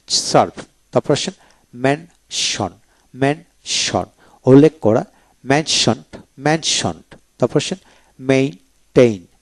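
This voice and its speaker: A man teaching English verbs with a Bangladeshi accent, repeating each word slowly for his students. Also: mid-range voice, a little mellow, no echo. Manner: slow, repetitive word-by-word drilling. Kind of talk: pronunciation drill lesson.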